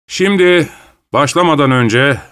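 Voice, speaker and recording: A man voicing a big burly man in overalls who calls a roll in a loud, commanding, businesslike way. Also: fairly low pitch, moderate pace, lightly acted. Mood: brisk.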